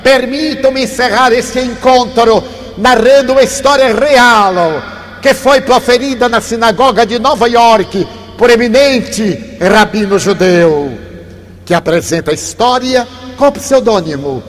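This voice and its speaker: An older man giving a spiritist lecture, telling stories that move from hushed tones to animated ones. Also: very high voice, slow pace. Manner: warm storytelling, shifts from hushed to animated. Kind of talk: inspirational lecture with storytelling. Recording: long hall reverb, faint background noise.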